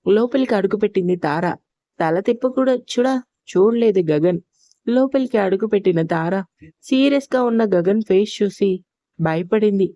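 A woman narrating an audio love story, reading steadily and gently. Her voice is mellow and dark in tone and pitched in an ordinary middle range. The recording is dry and close, with no room sound. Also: expressive, moderate pace, dry recording.

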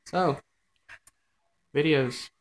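A man's voice: on the high side, drawn-out words, slight background noise. A young man hosts a casual vlog, talking off the cuff. He is recorded indoors on a phone held out on a selfie stick. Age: young adult. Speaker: vlog host. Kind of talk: casual chat on the fly. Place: small dim room indoors. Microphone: phone on a selfie stick at arm's length.

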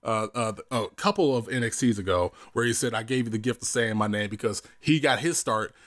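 A man's voice: mid-range voice, a little fast, a bit bright. A man co-hosting a casual wrestling predictions podcast, rambling with restarts and casual swearing. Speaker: podcast co-host.

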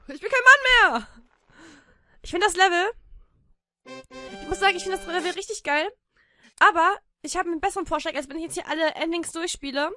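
A woman with a German accent giving playful, silly let's-play commentary, switching between mock storytelling and sudden shouts. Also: very high voice. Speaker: gaming YouTuber.

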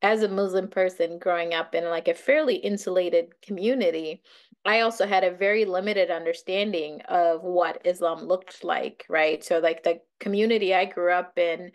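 A woman's voice: lowish voice, normal speed. A woman from Bangladesh sharing her thoughts in a casual book club discussion over a video call. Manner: thoughtful, conversational with filler words.

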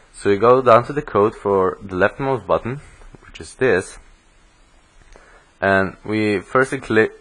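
Young male instructor, lowish voice, walks through code in a steady voice-over. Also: rough recording. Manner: steady explanatory, self-correcting restarts. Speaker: programming instructor. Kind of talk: screencast coding tutorial.

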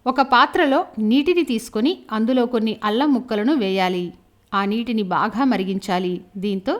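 A woman narrating a scripted health-tips voice-over, calling out each remedy's name louder and higher before explaining it.

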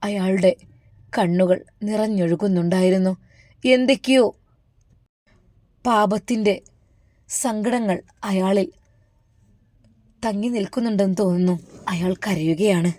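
A woman with a Malappuram accent narrating a story in an emotional, hushed way. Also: medium pitch, measured pace, long pauses, no echo. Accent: Malappuram Malayalam.

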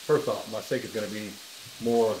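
A man's voice: lowish voice, fairly even intonation, normal speed, a little mellow. A man co-hosting a casual cooking vlog, talking easily while he cooks. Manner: laid-back, reads out viewer comments. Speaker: co-host, husband. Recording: echoey kitchen with hiss.

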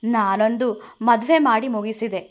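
A woman reading a carefree young man who orders his friend around. He talks in a light, fairly high voice. His tone stays offhand and bossy. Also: measured pace, natural voice.

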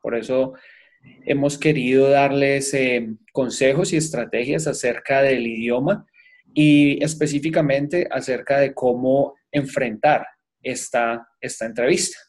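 A man's voice: mid-range voice, steady tone, unhurried, darkish tone. A man with a Colombian accent, an accountant presenting an earnest seminar talk on a video call. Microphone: webcam on a video call.

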